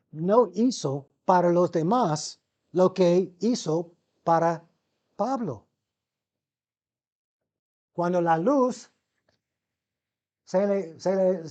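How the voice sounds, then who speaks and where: In a seminary Bible lecture, a man addresses the class as brothers and keeps asking them rhetorical questions, often restarting words mid-sentence. His voice is high and mellow, and the audio sounds dull.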